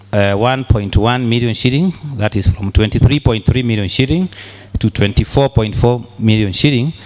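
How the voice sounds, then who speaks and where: A man giving a formal financial report at a meeting as treasurer, deliberate and halting, repeating phrases as he goes. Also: fairly low pitch, a little mellow. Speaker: club treasurer presenting annual accounts.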